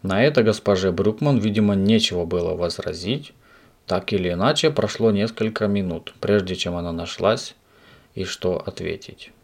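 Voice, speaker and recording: Gravelly male storybook narrator. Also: low voice, normal speed. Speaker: audiobook reader.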